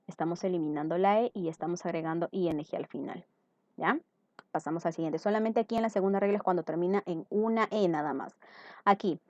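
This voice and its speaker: A woman's voice: on the low side, a little mellow, no room sound. A woman English teacher giving a recorded grammar lesson, patient and repetitive, often checking that her students follow. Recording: dull, dry lo-fi recording.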